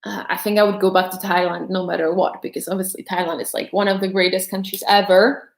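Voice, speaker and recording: Speaking quickly and flatly, this chatty young vlogger has a fairly low, creaky voice and a mixed accent with a mostly American flavor. She rambles through viewer questions on a casual livestream, dropping "like" constantly, and the sound is roomy.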